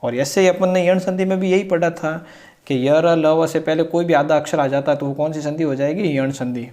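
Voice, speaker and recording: A man teaching a grammar lesson, explaining slowly, repeating points and answering his own questions. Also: fairly high pitch, fairly even intonation, a little mellow.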